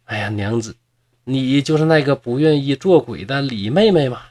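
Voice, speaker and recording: A man voicing a tearful teenage girl in a storybook tale, speaking softly. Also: mid-range voice, animated, normal speed, close to an everyday voice.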